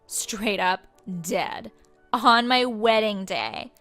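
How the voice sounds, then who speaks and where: A woman's voice: medium pitch, expressive, drawn-out words, a bit bright, soft background music. A young woman playing a bubbly, slangy female ghost who vlogs her afterlife in a breezy, flippant valley-girl manner for a comedy web series. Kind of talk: comic vlog monologue.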